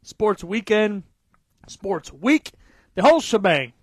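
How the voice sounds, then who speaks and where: A man in his early thirties hosts a casual sports talk show, his voice pitched high for a man. He gets loud and excitable and swears freely. The sound is dry and close to the mic. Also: slow pace, no echo. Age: 30s. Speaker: podcast co-host.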